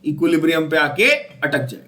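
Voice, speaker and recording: A man's voice: on the high side, animated, brisk, bright, forceful tone. A man giving a chemistry lecture, asking the class questions and repeating key terms as he switches between Hindi and English. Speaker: chemistry teacher.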